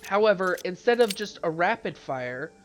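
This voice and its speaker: Stuffed up from a cold, a man hosting a let's play talks through his game in a casual, rambling way, fixing his own mistakes as he runs over weapon stats. His voice is high and animated at normal speed, and faint game music sits in a noisy background.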